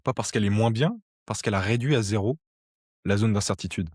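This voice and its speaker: A man's voice: lowish voice, brisk, darkish tone, husky, dry recording, studio quality. A man explaining sociology ideas to camera in a conversational way, with frequent fillers and restarts. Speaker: sociology educator.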